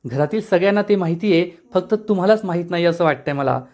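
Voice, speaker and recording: Chiding, talkative young woman scolding her boss, read by a high-voiced male narrator. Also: fast, a little mellow.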